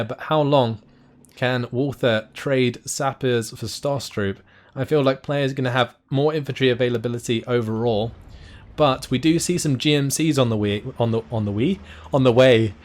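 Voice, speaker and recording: A game caster delivers excitable live play-by-play on a strategy game match, laughing often at surprising plays. His mid-range voice is hoarse and worn, as though he is losing it, though he speaks at a normal speed.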